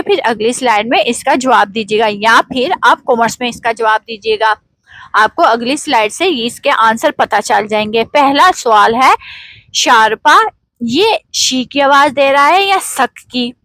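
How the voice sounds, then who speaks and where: A woman with a Pakistani Urdu accent, a native Urdu speaker, teaches pronunciation at a very unhurried pace. Her voice sits a little high and sounds dry and close, with no room around it. She says each word deliberately so learners can repeat after her. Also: fairly bright tone, dry recording, low-quality recording. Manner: slow and careful, models words for learners to repeat. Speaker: language teacher. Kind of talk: slow pronunciation lesson.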